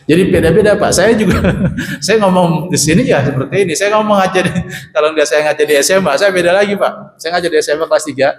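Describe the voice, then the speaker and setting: Chatty preacher in an echoey mosque. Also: male voice, on the high side, fast. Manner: chatty, joking, talks to the audience. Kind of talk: casual mosque sermon. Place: mosque hall. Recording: echoey mosque hall, long reverb, faint noise.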